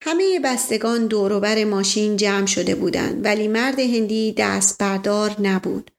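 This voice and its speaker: A woman narrating a novel in a steady storytelling read. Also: mid-range voice. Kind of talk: audiobook narration.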